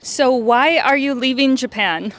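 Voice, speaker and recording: A woman's voice: high voice, unhurried, fairly bright tone. Woman asking short interview questions. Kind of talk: casual street interview questions.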